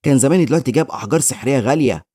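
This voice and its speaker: A man's voice: mid-range voice, rapid-fire, mellow, dry recording, clean studio sound, close to an everyday voice. A man voicing a bullied teenage boy mage, earnest and pleading, with an Egyptian Arabic accent.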